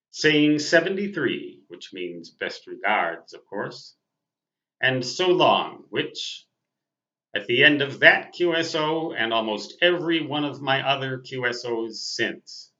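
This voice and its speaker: Slow and bright-voiced, this American man in his sixties from Minnesota hosts a casual look back for viewers as an amateur radio operator. His medium-pitched voice has lively intonation, he's deliberate and precise, spelling terms phonetically, and the sound is dull and lo-fi.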